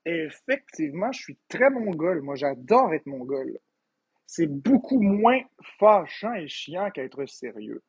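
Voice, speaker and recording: A Québécois man, an impressionist, talks casually and mocks himself, stumbling over his words now and then. His voice is fairly high and a little husky, with a dry sound. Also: big pitch swings, takes it slowly, a little mellow, dry recording, dull audio. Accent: Québécois French. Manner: chatty, self-mocking, stumbling restarts. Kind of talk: casual explanation to camera.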